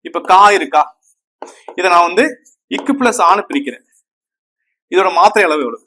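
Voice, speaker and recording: A man with a somewhat high voice teaches grammar to a classroom of students. He repeats each term and keeps checking whether the class is following. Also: animated, normal speed, pushed and bright, slight background noise. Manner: asks the class frequent checking questions; repeats terms and counts on fingers.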